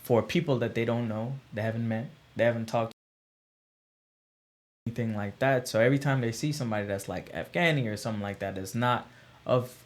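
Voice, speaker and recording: A man's voice: mid-range voice, fairly quick. Easygoing male host with a mid-range voice who chats casually and backs up his guest. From Guyana. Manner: relaxed, affirming, lots of "man" and "like". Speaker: podcast host, military veteran. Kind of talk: casual podcast chat.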